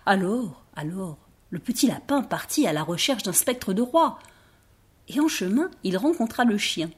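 A woman reading children's tales aloud, expressive and dropping to a hush at tense moments, with a breathy voice. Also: mid-range voice, moderate pace. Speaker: storyteller.

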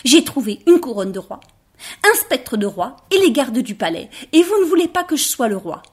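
A woman voicing a small, eager male rabbit who wants to be king, with a squeaky, excited voice. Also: normal speed, slightly rough, heavily acted. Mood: indignant.

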